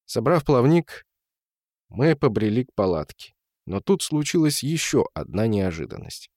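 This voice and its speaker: A man narrating a story as an audiobook reader, in a measured storytelling manner. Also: medium pitch, big pitch swings, darkish tone, dry recording, studio quality. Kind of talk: audiobook reading.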